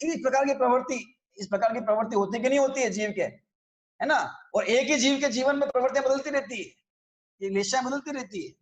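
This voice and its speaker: A man's voice: very high voice, brisk, reverberant. A man teaching a religious scripture class, explaining in a conversational way and often checking that his listeners follow.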